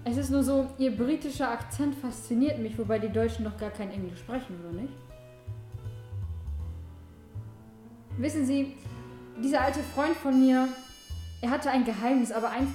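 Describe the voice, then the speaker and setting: A woman's voice: on the high side, fairly quick, mellow, natural voice. A woman voicing a vengeful young woman who coldly accuses an old acquaintance. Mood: probing. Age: young adult. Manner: cold, accusing, cutting. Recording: echoey room with music behind.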